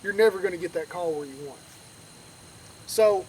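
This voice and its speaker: A man's voice: sits high, a little slow, darkish tone. A man giving an informal, conversational outdoor tutorial as an instructor, with a folksy manner, repeating points for emphasis. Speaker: duck calling instructor. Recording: distant mic outdoors, faint background noise.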